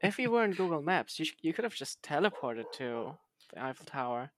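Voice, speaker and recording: A woman's voice: deep voice, sing-song, brisk, a little hiss or hum. A woman chatting casually as a podcast co-host, playful and dryly teasing. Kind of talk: casual chat.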